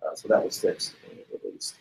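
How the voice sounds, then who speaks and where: A man giving a halting status update at a team meeting, with many restarts. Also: a little mellow, a little hiss or hum, rough recording. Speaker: meeting participant.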